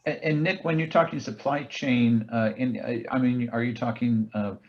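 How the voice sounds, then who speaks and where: Man, forum moderator, mid pitch, uh-filled casual talk, muffled call sound. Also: steady tone, normal speed. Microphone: video call. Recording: dull lo-fi video call audio.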